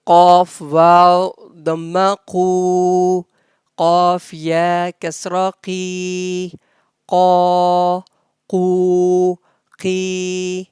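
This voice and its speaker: A Quran teacher leading a slow recitation lesson, spelling letters and drawing out each long vowel in careful drills. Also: mid-range voice, monotone, darkish tone, clear, resonant tone, no echo, clean studio sound. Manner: drawn-out, careful drilling of syllables.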